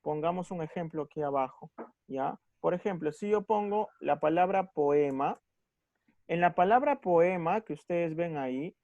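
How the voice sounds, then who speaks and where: A man's voice: a little high, a little mellow, dry recording, highs cut off. Patient male teacher, dry close sound. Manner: patient, stresses syllables slowly and checks in with a quick question tag. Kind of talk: recorded grammar lesson.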